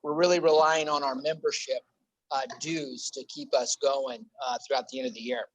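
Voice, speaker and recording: A man making membership announcements at a club meeting, halting and full of fillers. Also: mid-range voice, fairly even intonation, no room sound, rough recording. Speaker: membership officer.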